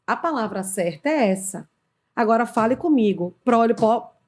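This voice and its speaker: Brazilian woman, middle-aged, lively storyteller who voices her own quotes, slightly high voice. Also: normal speed. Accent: Brazilian Portuguese. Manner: animated storyteller, acts out quoted dialogue. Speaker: HR consultant, podcast guest. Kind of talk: casual storytelling in a podcast conversation.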